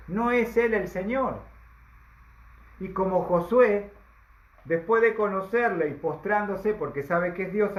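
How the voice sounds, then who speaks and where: Emphatic high-voiced preacher in an echoey hall. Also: male voice. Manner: emphatic, with dramatic slowdowns and rhetorical questions. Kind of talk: sermon. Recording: echoey, dull lo-fi sound.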